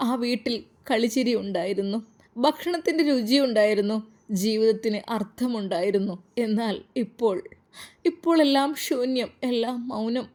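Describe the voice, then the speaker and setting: A woman's voice: fairly high pitch, moderate pace, darkish tone, natural voice. A broken, weeping widowed father, put on by a woman narrator for a spoken storybook. He pleads and sobs with a voice that keeps breaking, in a Malappuram Malayalam accent. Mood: grieving.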